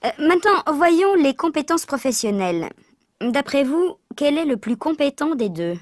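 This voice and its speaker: Female, slightly high voice, clear and questioning in a scripted course dialogue; dry close mic. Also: sing-song, normal speed, no room sound.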